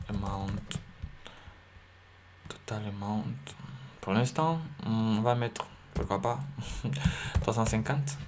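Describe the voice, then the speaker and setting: A coding tutorial instructor with a lowish male voice works through a screen-recorded lesson, voicing his thoughts with plenty of fillers and corrections. Background noise is present, as are faint keyboard and click sounds.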